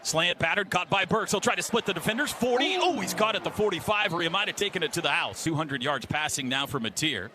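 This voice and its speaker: An animated American announcer with a high, pushed, bright voice rattles off football play-by-play quickly, hardly pausing, in clipped short phrases. He's broadcasting live on radio from a stadium booth, and faint noise is present.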